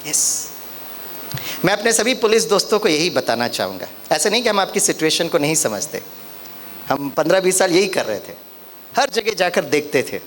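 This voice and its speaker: A man's voice: on the high side, moderate pace, slight background noise. A man giving a motivational lecture, telling stories and acting out the dialogue. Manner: lively storytelling, acting out dialogue. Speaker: motivational speaker. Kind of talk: lecture on stress management. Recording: long hall reverb.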